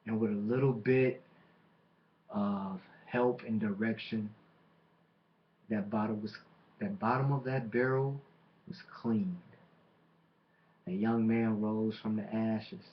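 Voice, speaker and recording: A man delivering a boastful, taunting wrestling promo as a monologue, with deliberate dramatic pauses. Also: lowish voice, steady tone. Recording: dull lo-fi microphone recording.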